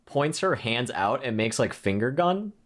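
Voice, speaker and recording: This young co-host's mid-range voice is sing-song, unhurried, and a bit bright. He rambles casually through a horror film's plot on a podcast, full of filler words, as part of an easygoing movie-review chat.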